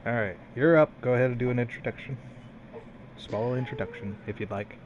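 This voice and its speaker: A man's voice: mid-range voice, fairly quick, a little mellow, muffled recording. A man casually hosting a tabletop roleplaying game as game master over an online voice chat. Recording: faint background noise, online voice chat.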